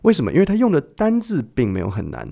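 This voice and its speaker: A man's voice: fairly high pitch, huge pitch swings, fast, vocal fry, warm tone. A man hosting a podcast listening lesson, patiently explaining and asking the listener questions in a conversational way. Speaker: podcast host and English listening teacher.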